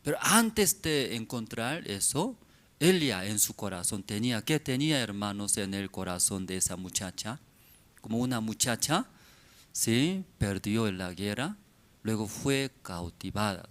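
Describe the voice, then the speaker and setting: A male pastor preaching a sermon at a church service, in halting, simple phrases, often asking the congregation questions. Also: lowish voice, sing-song, fairly bright tone. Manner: halting, simplified phrasing with many pauses and fillers.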